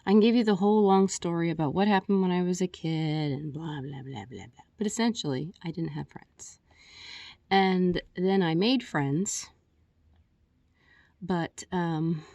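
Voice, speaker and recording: Lady talking into her phone, kinda out of breath, rambly and honest, low-ish voice, dry close sound. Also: a little slow, creaky, warm tone, dry recording. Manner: rambling, candid, with frequent restarts and fillers. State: a little out of breath. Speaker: vlogger. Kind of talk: personal video message.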